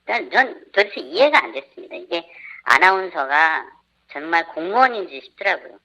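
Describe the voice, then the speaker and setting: A woman's voice runs through an electronic disguiser that pushes it lower. She speaks as an anonymous parent on a live radio interview. Her intonation swings widely and her tone stays bright and sharp as she indignantly lists one complaint after another. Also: big pitch swings, moderate pace, slight background noise, rough recording. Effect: voice disguised by a pitch changer. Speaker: parent of a camp participant.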